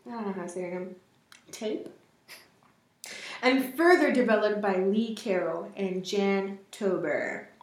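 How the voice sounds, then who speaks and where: A woman's voice: mid-range voice, unhurried, long pauses, echoey room. A young woman co-hosting a casual chat, giggling often and sometimes talking while eating. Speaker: co-host.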